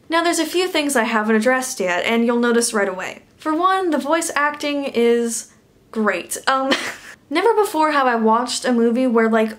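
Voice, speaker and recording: A young woman reviewing a bad movie in a comedic rant, sarcastic and laughing between lines. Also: fairly high pitch.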